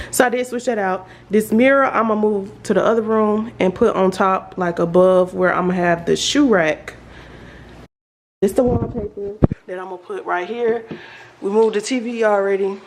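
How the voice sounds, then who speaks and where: Over clear household background noise, a woman with a Southern American accent talks informally to her viewers. Her voice sits at a medium pitch. She rambles through a home makeover tour, thinking out loud. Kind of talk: casual chat to viewers during a house tour. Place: indoors, rooms of a house. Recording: noisy handheld home recording, household ambience.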